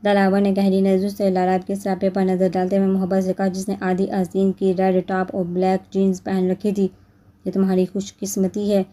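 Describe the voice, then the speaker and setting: A woman gives a scripted narration of a romance novel in a steady, measured manner. Her voice is very dark and mellow, and it stays flat with little rise and fall. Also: medium pitch.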